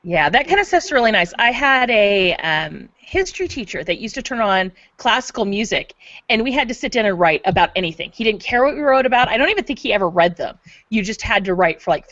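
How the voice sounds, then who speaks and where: A woman chatting casually on a homeschool panel in a relaxed, conversational way, asking questions. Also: mid-range voice, no echo. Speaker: homeschooling parent, panel host. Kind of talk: casual online panel chat. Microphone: video call. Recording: dry, dull video call audio.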